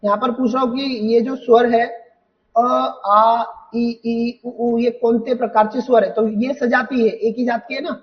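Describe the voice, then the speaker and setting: Going through exam questions in an unhurried, level tone, a high-voiced male teacher repeats each point and asks his students rhetorical questions. The mic is distant, leaving the recording muffled and dull.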